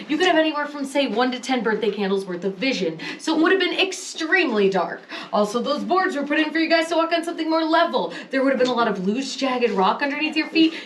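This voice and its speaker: A woman's voice: high voice, a bit bright. A woman working as a tour guide, explaining things in a chatty, joking way as she leads a group through an underground mine, picked up by a visitor's camera at changing distances. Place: underground coal mine tunnel.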